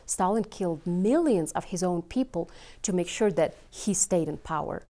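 Low-voiced woman. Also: lively intonation, normal speed, mellow. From Ukraine. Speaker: interviewee. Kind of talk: interview testimony.

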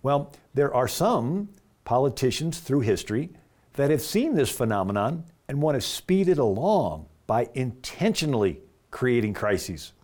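A man's voice: mid-range voice, sing-song, measured pace, a little mellow. A man narrating as host, earnest and explanatory, dropping his voice at the ends of phrases.

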